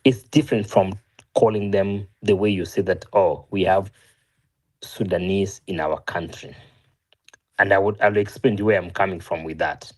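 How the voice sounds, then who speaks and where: In an opinionated discussion, a Kenyan man argues earnestly, often restarting and correcting himself and rising as he presses a point. His deep voice keeps a moderate pace and fairly even intonation.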